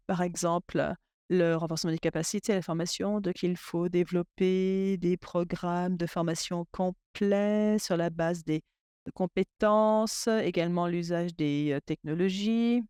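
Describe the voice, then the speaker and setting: A man interpreting a webinar panel discussion into French in real time, halting and often restarting his sentences. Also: high voice, darkish tone, clear, resonant tone, no echo, studio quality. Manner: halting, with frequent restarts and fillers. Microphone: remote webinar audio.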